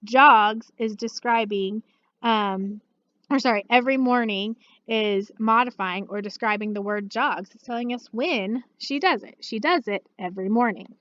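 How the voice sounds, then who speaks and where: A woman teacher walking students through a recorded grammar lesson, patient and steady, checking in often with "okay.". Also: on the high side, unhurried, no echo, lo-fi sound. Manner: patient, steady, uses many "okay" and "all right" check-ins. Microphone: computer mic.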